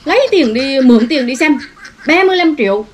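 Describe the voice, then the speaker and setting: A woman acting in a comedy sketch, complaining and then hurling loud threats. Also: high voice, animated, a little fast, a little hiss or hum. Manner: agitated, complaining, boastful threats.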